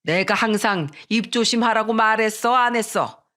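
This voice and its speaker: A woman's voice: fairly high pitch, normal speed, fairly bright tone, lightly acted. A woman reading the part of a stern elderly mother-in-law who scolds and commands her family. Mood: scolding.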